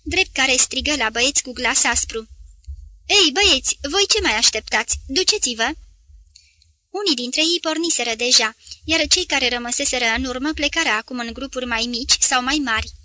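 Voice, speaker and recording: A woman narrating a novel as an audiobook reader, in an even, measured reading. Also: high-pitched, no echo. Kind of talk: scripted literary narration.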